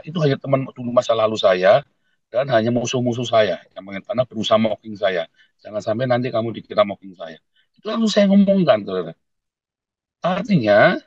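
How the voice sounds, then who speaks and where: A man preaching a sermon in an emphatic, conversational way, with big swings between loud high stresses and soft trailing ends, who often acts out quoted dialogue in a softer voice. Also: no echo, highs cut off. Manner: emphatic, wide swings in pitch and loudness, repeatedly addresses listeners as "saudara". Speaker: pastor.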